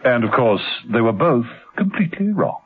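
A man's voice: medium pitch, big pitch swings, normal speed, narrow, tinny audio. A man giving wry scripted narration for an old radio serial, on a vintage recording. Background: loud music.

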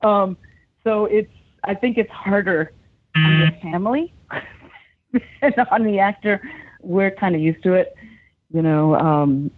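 This middle-aged American actress speaks at a measured pace with a medium pitch, pausing often. In a relaxed interview she spins lively anecdotes, performs the quotes herself and laughs a lot, though the audio sounds thin and phone-like.

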